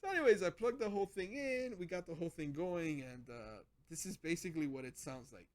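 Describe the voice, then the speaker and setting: A man's voice: a little high, expressive, a little fast. A man hosting a casual gadget vlog, rambling with lots of restarts as he explains his setup. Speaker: channel host.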